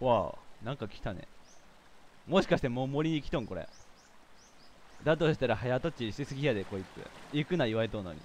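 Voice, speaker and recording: Lively male game streamer. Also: mid-range voice, fairly quick, pauses often, a little hiss or hum. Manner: chatty, jokey, reacts out loud to himself. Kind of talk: casual game commentary.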